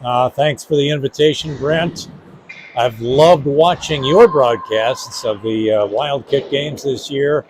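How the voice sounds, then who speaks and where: A man joining as guest play-by-play announcer for a hockey broadcast, talking in a measured, thoughtful way. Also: medium pitch. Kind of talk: casual pregame commentary. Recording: noisy arena ambience.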